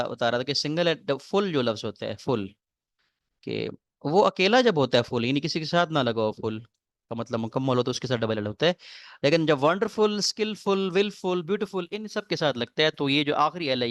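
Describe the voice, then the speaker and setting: A male English teacher, lecturing to a class on spelling rules, reading rules slowly and explaining them in quick asides. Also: fairly high pitch, fairly bright tone, dry recording. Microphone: recorded lecture mic.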